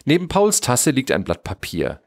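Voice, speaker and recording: A man narrating a German children's Christmas story in an expressive storybook manner. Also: mid-range voice, moderate pace.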